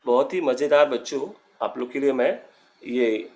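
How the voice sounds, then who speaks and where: A man's voice: medium pitch, steady tone, moderate pace, a little mellow. A male teacher giving an online class for young children, speaking patiently, often calling out to the kids and drawing out vowel sounds.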